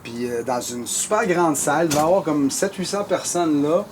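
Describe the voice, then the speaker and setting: A man with a Québécois French accent tells a long story in casual chat, animated and rambling, full of fillers and restarts. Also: a little high, fairly quick, noisy background. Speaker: musician telling a story.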